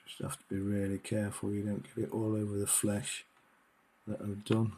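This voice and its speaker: A man's voice: on the low side, completely flat delivery, moderate pace, warm tone, slight background noise. A man giving a casual miniature painting tutorial, talking hesitantly with many fillers.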